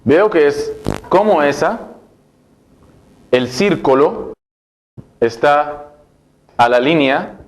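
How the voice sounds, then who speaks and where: A man, a native Arabic speaker, leads a board lesson in a very slow, patient way. His voice sits a little high for a man, and he says each letter sound several times over so the class can drill it. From Egypt. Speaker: Arabic teacher.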